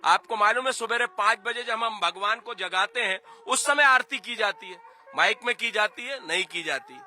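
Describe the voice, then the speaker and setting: Speaking at an extremely high pitch, pushed and bright, this activist spokesman for a cultural-religious organisation pushes an opinionated argument in a street news interview. He is emphatic, repeats himself, and asks rhetorical questions.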